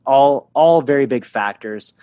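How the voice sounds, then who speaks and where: A man's voice: mid-range voice, measured pace, mellow, smooth. A man hosts an interview in an easy, conversational way and leads his guest with questions. His voice sits in a middle range. The sound is dry and close, with no room echo. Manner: conversational, asks leading questions. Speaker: podcast host.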